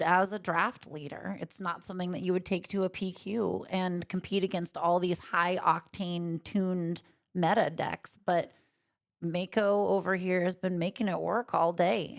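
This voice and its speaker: Woman, card game commentator, lowish voice, chatty, jokey, lots of ums. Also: gravelly. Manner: chatty, filler-heavy, jokey. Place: empty gaming room at a cafe.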